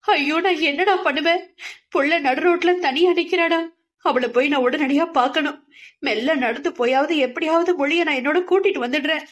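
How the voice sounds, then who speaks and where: A woman voicing an older mother who is crying and panicked, talking in a high, breathless rush. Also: moderate pace, close to an everyday voice. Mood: tearful, panicked.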